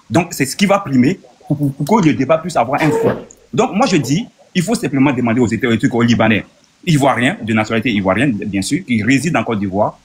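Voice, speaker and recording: A man in his thirties from Burkina Faso, arguing earnestly and point by point in a debate. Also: mid-range voice. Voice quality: husky. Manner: earnest, rapid, reasoning point by point. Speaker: debate participant. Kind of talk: heated debate argument.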